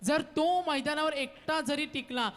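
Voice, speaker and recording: A man's voice: extremely high pitch, unhurried, fairly bright tone. A man giving live cricket commentary and calling out the score. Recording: long reverb, like a PA system.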